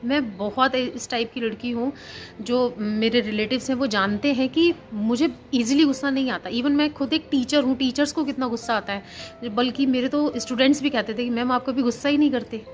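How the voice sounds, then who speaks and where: A woman in her thirties with a fairly high voice speaks earnestly, as if chatting casually in a parenting vlog. She repeats points for emphasis and mixes in English words. Faint music plays quietly underneath. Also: normal speed. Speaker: vlogger, housewife and teacher. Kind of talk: casual chat about parenting.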